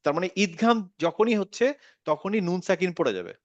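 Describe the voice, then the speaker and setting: A man's voice: sits high, very animated, moderate pace, no room sound, muffled recording. A man teaching a Quran recitation lesson, patiently repeating words and checking that his student follows. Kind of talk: online tajweed lesson.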